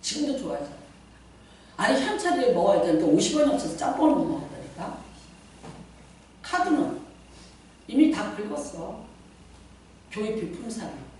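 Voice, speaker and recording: A middle-aged woman pastor preaching a lively sermon, often asking the congregation questions. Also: medium pitch, normal speed, pauses often, slight background noise. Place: church sanctuary. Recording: very echoey church hall, mic at a distance.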